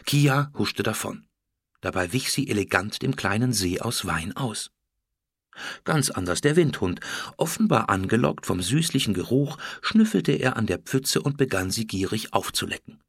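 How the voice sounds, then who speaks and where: A man narrating a storybook in a steady, measured reading. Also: on the low side, vocal fry, husky, no echo, clean studio sound. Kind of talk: audiobook narration.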